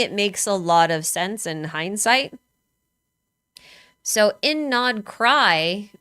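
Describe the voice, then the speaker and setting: A woman's voice: mid-range voice, fairly bright tone, smooth, no echo, clean studio sound. A woman streamer in casual chat, talking speculatively with many filler words.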